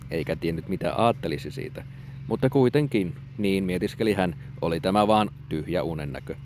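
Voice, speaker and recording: A man from Finland with a deep, low voice reads a classic fairy tale aloud at a steady, measured pace. His telling follows the old-fashioned wording of the story, and faint noise sits behind him.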